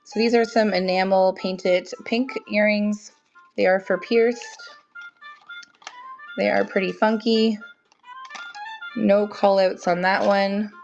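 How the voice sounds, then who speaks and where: Slow and fairly even, with vocal fry, long pauses, and a darkish medium-pitched tone, a young woman talks her way through a live auction. She has a cold and her voice is thinning, but she chats casually and calls out viewers by name. The lo-fi stream sounds dull, with faint music behind.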